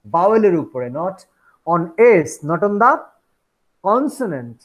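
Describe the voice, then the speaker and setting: A man's voice: sits high, big pitch swings, drawn-out words, fairly bright tone. A man teaching an English phonetics class, switching between Bengali and English and often asking whether the students follow. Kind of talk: classroom lecture.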